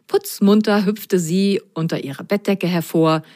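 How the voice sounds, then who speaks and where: A woman reading a children's bedtime story aloud in a gentle, unhurried storytelling manner. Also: on the low side, steady tone. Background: faint music.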